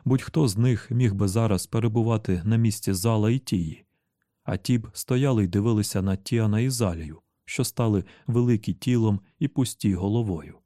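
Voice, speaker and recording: A man narrating an audiobook in a steady, measured reading voice. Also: lowish voice, no echo, studio quality.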